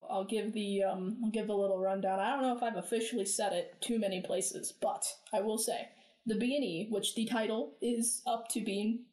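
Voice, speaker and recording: A woman's voice: medium pitch, fairly even intonation, moderate pace, warm tone. A woman co-hosting a podcast in casual chat, rambling with many fillers and restarts. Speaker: podcast co-host. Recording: roomy echo.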